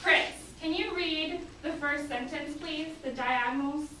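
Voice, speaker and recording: A geometry teacher addresses her class in an indoor classroom, firm and directive, making sure students respond. Her voice is high-pitched and a little slow. The room is echoey, the mic is distant, and there's faint noise.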